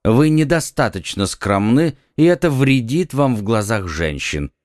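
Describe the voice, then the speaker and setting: A man reading an audiobook, voicing a refined, discreet musketeer who speaks in a measured, composed way. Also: medium pitch, expressive, darkish tone, dry recording, studio quality, close to an everyday voice.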